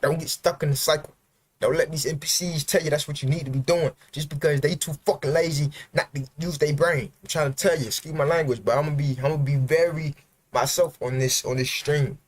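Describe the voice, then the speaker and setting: A man's voice: on the high side, fairly even intonation, brisk. A man hosting a livestream, giving a blunt, profane motivational rant about self-investment and working for himself.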